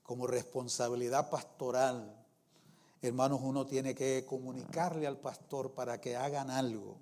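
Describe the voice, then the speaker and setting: A man's voice: mid-range voice, fairly even intonation, moderate pace, darkish tone. A middle-aged male pastor preaching a sermon in a church, with emphatic rising phrases and constant asides to the congregation. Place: church sanctuary.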